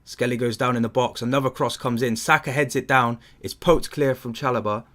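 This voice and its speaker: A young man from England speaks briskly in a steady, mid-range voice that's a bit bright. As host of a football watchalong he commentates casually, chats with viewers and answers their questions, rambling with fillers along the way.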